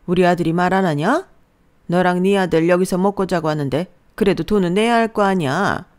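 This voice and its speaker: A scolding older mother-in-law, voiced by a woman, sneering and belittling, her voice pushed up and loud. She nags relentlessly in this storybook dialogue. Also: lowish voice, fairly quick, natural voice. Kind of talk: storybook narration with acted dialogue.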